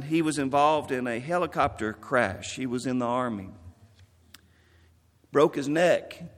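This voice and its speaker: Earnest pastor in a reverberant hall. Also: male voice, on the high side, a bit bright. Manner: earnest, measured, quoting scripture. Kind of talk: memorial sermon.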